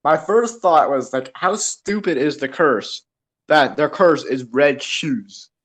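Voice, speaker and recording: A man's voice: fairly high pitch, animated, slow pace, fairly bright tone. A young man chatting casually on a podcast with friends, rambling and laughing, full of restarts and fillers.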